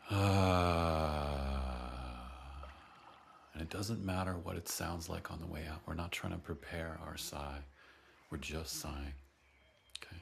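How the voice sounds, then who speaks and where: A man guiding a breathing and voice meditation, giving soft, gentle, unhurried instructions between long audible sighs. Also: deep voice, flat delivery, gravelly, slight background noise. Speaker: breathwork and voice teacher.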